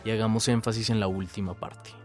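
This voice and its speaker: Low-voiced man in measured narration. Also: flat delivery, a little mellow, soft background music. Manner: measured and reflective. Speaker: host and narrator. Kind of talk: scripted narration.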